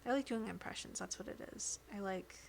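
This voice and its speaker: A woman livestreamer chats casually with viewers, rambling from one thought to another and laughing easily. Her ordinary-pitched voice is brisk, gravelly, and darkish, captured close on a dynamic studio microphone with a faint hiss underneath.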